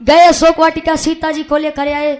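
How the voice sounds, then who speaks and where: A woman with a Bhojpuri accent performing Birha folk song on stage, telling an epic story in speech and then stretching her lines into long drawn-out sung verses. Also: high-pitched, monotone, noisy background. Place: live outdoor stage show.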